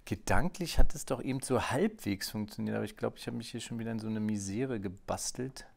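A man's voice: on the low side, a little fast, gravelly. A man co-hosting a board game video, talking casually through his turn and counting cards under his breath. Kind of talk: casual let's play commentary.

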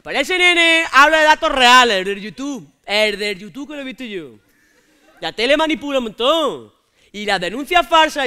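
A woman playing a cocky young Andalusian man from Jaén who heckles loudly from the audience, calling out to the teacher. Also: high voice. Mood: indignant. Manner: brash, indignant, keeps calling out "maestra". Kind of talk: stand-up character sketch on stage.

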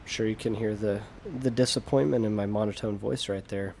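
A young American man with a fairly low voice talks through his gameplay in a loose, laid-back way, joking at his own expense and trailing off mid-thought. A faint low rumble sits under his voice. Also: fairly quick, creaky. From United States. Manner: relaxed, self-deprecating, trails off mid-sentence. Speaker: gaming video creator. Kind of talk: casual gameplay commentary.

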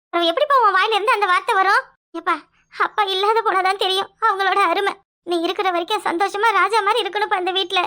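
Curt, sharp-tongued young village woman with a southern Tamil accent, cartoon. Very high, bright voice and rapid delivery. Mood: pleading. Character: young unmarried village woman, stern, dutiful daughter. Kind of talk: cartoon voice acting.

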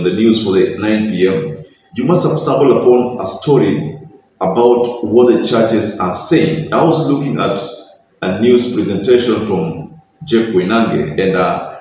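A young Kenyan-accented man gives earnest, opinionated political commentary to camera from a small bedroom, sprinkling in Swahili phrases. His voice is fairly low and a little mellow, with slight hiss or hum. The room is very echoey and the mic slightly distant.

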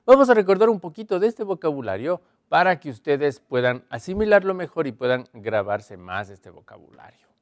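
A man teaching a televised English lesson, explaining patiently, checking in with his viewers and slowly drawing out model phrases. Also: a little high, big pitch swings, no room sound.

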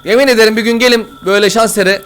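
A young man playing a horror game, swearing, joking and yelling at the game as he comments. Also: high voice, fairly even intonation, very fast, heavy background noise. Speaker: gaming YouTuber.

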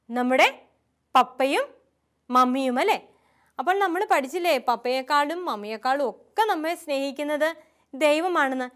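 A woman's voice: high-pitched, a bit bright. A woman who is a nun, teaching a catechism lesson to young children in a sing-song, coaxing tone with a Kerala Malayalam accent.

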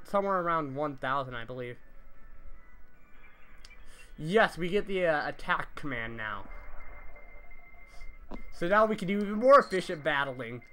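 A man streams a game and chats in a slightly high voice. His talk is scattered and casual, full of swearing and sentences that trail off. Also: fairly bright tone, clear, resonant tone. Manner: swearing, laughing it off. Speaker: streamer playing a video game. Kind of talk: casual chat while gaming.

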